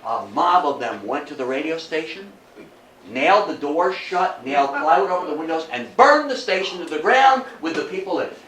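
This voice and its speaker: Speaking to a live historical society audience indoors, this older American lecturer spins old-time radio anecdotes in a folksy, emphatic way. He's very animated at a normal pace, with a fairly bright voice pitched slightly high for a man. The mic sits far off in a roomy hall with faint noise.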